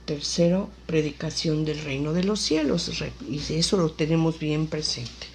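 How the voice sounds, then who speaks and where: Woman Bible teacher, low voice, unhurried reading with fillers. Faint background noise. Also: animated, darkish tone. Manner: reads scripture aloud slowly, with fillers and self-corrections. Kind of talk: Bible lesson with scripture reading.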